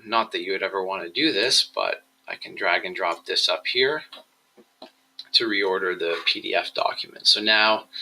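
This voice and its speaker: In this low-quality recording, a presenter walks viewers through software in an instructional screencast, explaining each step in a measured manner. His voice is lowish and creaky, with a very bright, forward tone.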